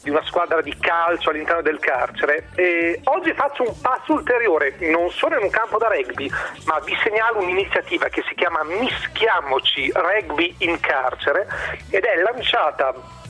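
A man presenting a conversational segment as a radio contributor, often halting to search for words. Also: fairly high pitch, expressive, sharp tone, poor audio.

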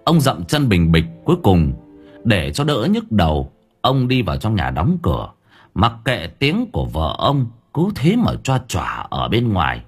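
A man narrating an audiobook in a lively, expressive storytelling manner. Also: on the low side, unhurried, slightly rough, faint music behind.

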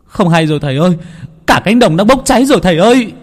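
A panicked young apprentice stammers and rushes his words, as a man acts him out. His voice is raised high and hurried. He sounds breathless and frightened in this spoken ghost story. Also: expressive, in a large hall.

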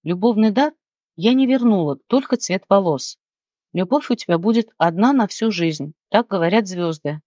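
A reader voicing a kindly, motherly high fairy who grumbles fondly at young people in a fantasy audiobook, recorded dry and somewhat dull. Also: expressive, moderate pace, no room sound, lightly acted. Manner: grumbling but warm, calls others "child". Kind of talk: audiobook character reading.

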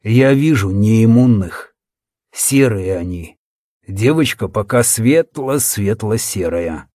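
Guy doing a tired old healer, slow low murmur, dry close sound. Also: expressive, mellow, dry recording. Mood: weary. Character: weary older male healer, calm and grave.

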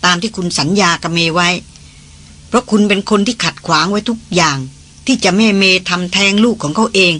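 A woman's voice: fairly low pitch, fairly bright tone, husky. A reader voicing an earnest titled lady. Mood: warm. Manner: earnest, quickens when anxious. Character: noble Thai lady on a jungle trek, earnest.

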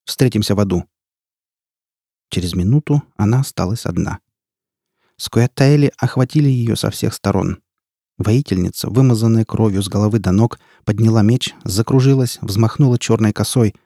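A man narrating an audiobook in a measured, grave storytelling manner. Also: lowish voice, vocal fry, dark tone, dry recording, studio quality.

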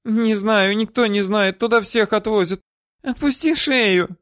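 A man's voice: high voice, unhurried, a bit bright, no room sound, studio quality, pitched above the performer's own voice. A man voicing a frightened, whimpering woman for an audiobook, her voice whiny, squealing and pleading. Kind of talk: audiobook character voice.

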